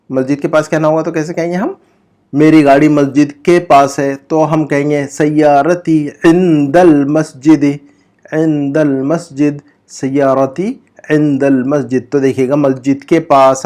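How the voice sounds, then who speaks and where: A man teaching a beginners' Arabic lesson, explaining patiently and repeating phrases slowly for students to follow. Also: a little high, a little mellow. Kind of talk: language lesson explaining grammar.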